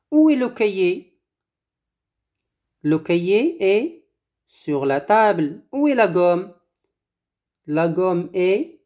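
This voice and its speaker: Slow, deliberate French teacher. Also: medium pitch, a little mellow. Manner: slow, deliberate, repeats words for learners. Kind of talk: slow drill-style French lesson.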